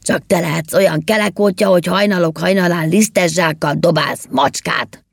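A woman's voice: fairly low pitch, gravelly, no room sound, studio quality. A woman reading a storybook and voicing a grumpy, no-nonsense male goblin who speaks curtly. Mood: scolding.

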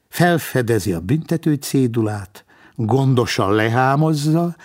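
A man reading a humorous story aloud in a dry, wry narrating voice. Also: mid-range voice.

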